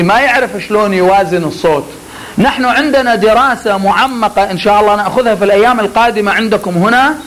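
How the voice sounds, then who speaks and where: A man's voice: extremely high pitch, fairly bright tone, a little hiss or hum, rough recording. A man teaching pulpit oratory in a classroom lecture, drawing out words to demonstrate delivery and talking to his students with joking asides.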